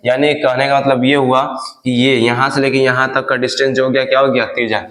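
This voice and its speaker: A man's voice: mid-range voice, flat delivery, a little fast, a bit bright. A male math teacher teaching a class, asking questions again and again and answering them himself. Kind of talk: classroom lesson. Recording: echoey classroom.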